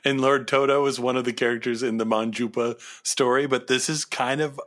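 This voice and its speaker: A man's voice: mid-range voice, fairly even intonation, brisk, a bit bright. A man co-hosting a casual discussion show, chatting in a conversational way. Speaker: podcast host. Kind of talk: casual chat, pop-culture discussion.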